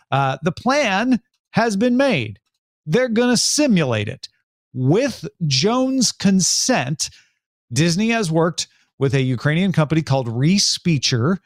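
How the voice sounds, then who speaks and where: A man's voice: fairly high pitch, no room sound, clean studio sound. A man hosting a podcast, reading out news items with wry casual comments. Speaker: podcast host. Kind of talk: casual chat.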